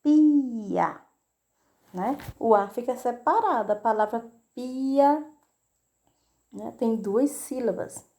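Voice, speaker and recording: Brazilian woman teacher, middle-aged, unhurried video lesson, patient and repetitive. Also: a little high, animated, warm tone. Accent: Brazilian Portuguese. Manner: patient, repeats "né?" and "tá?" to check understanding. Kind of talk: recorded video lesson for children.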